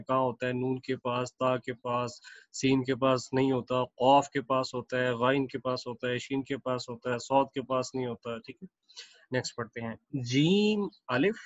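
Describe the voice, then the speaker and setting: A man teaching Quran reading, explaining Arabic letters with English words mixed in and repeating each letter pair slowly and at length. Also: mid-range voice, no room sound, lo-fi sound.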